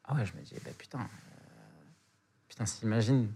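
A young man tells an adventure story as a podcast guest, loose and slangy. He stumbles and repeats words as he goes, and his pitch sits in an ordinary middle range. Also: a little fast, husky. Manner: slangy, animated, full of hesitations and repeated words. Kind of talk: casual storytelling.

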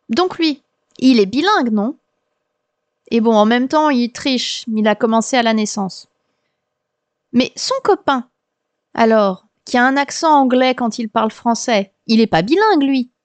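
A woman's voice: fairly high pitch, no room sound. A woman podcast host from France, in her thirties or forties, explaining things in a chatty, lightly humorous scripted monologue.

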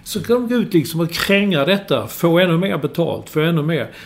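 A man's voice: on the high side, big pitch swings, vocal fry. A man in casual sports chat, explaining business details with enthusiasm and the odd swear. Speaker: podcast co-host.

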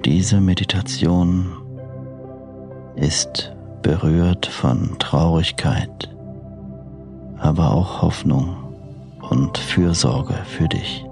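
A man narrating a sleep meditation like a bedtime storyteller, hushed and unhurried, with long pauses between short phrases. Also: low-pitched, creaky, over music. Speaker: podcast host and meditation narrator.

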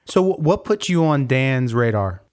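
Interviewer, man of forty-nine, clear smooth voice, friendly and chatty. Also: mid-range voice, sing-song, unhurried, darkish tone. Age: 40s. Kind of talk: casual interview questions.

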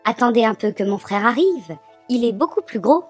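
A man's voice: extremely high pitch, animated, moderate pace, soft background music. A man voicing the smallest billy goat, timid and pleading in a little voice.

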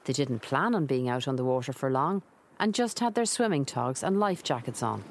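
Low-voiced Irish woman narrating. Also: lively intonation, normal speed, a little mellow. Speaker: documentary narrator. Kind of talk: scripted narration.

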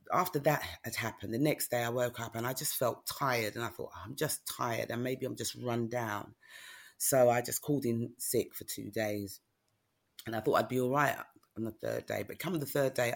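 A middle-aged woman tells a personal story in a relaxed conversation, candid and plain-spoken. Her voice is gravelly and a little husky, and she keeps checking in with "do you know what I mean?". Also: extremely low pitch. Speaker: guest, author.

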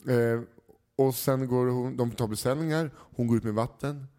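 A man in casual chat, telling a story and acting out the people in it with changing voices. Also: mid-range voice. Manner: animated anecdote teller, acts out quoted people.

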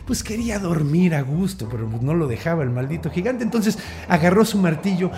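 A man with a Mexican accent, hosting a podcast and retelling a myth in a chatty, gossipy, animated way. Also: a little high, a little fast, a little hiss or hum. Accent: Mexican Spanish. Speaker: storyteller host. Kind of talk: casual storytelling podcast.

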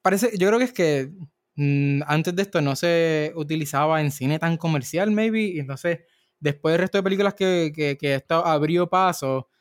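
A man's voice: on the high side, moderate pace, clean tone, no room sound, studio quality. A man co-hosting a casual film discussion, telling stories with lots of restarts and rambling asides. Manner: rambling storyteller with many restarts. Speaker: podcast co-host.

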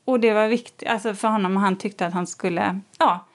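A woman in casual conversation, telling a personal story in a lively way and acting out what people said. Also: medium pitch. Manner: animated storytelling, acts out quoted lines. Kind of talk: casual chat.

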